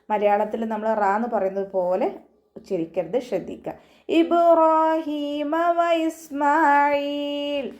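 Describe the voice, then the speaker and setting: A woman teaching Quran recitation rules in an online class, patiently correcting pronunciation step by step. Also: warm tone. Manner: chants verses slowly and higher between explanations. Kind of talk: tajweed lesson with slow recited verses.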